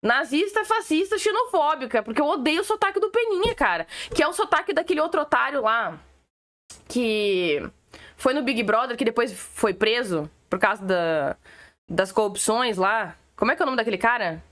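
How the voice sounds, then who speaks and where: High-voiced sarcastic Gaúcho woman. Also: expressive, normal speed, a bit bright. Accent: Gaúcho Brazilian Portuguese. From Rio Grande do Sul, Brazil. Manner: sarcastic, opinionated, exasperated. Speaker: political commentator. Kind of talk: casual livestream rant.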